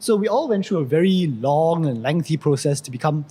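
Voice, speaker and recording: A young man hosting a student podcast in a relaxed, talkative way with a husky voice. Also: fairly high pitch, fairly quick. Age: young adult. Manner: relaxed, talkative, many fillers. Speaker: podcast host. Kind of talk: casual podcast chat.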